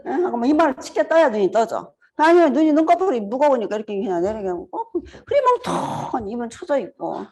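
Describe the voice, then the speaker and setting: Animated woman in her fifties. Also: on the high side, a little fast, hardly any pauses. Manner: animated, acts out greetings, laughs often. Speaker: seminar speaker. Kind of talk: casual seminar talk.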